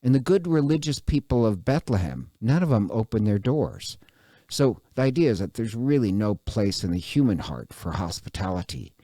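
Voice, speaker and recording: A male priest giving a conversational class introduction, animated and informal with small restarts and fillers. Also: lowish voice, normal speed, no room sound, clean studio sound. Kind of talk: recorded parish class introduction.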